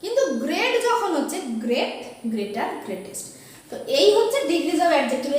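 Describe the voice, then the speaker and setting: Woman teacher, very high voice, slow dictating exam-prep delivery, recorded from a distance in a roomy space. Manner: slow, deliberate dictation of examples, asks and answers own questions. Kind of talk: exam-prep grammar lesson. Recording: echoey room, voice from a distance.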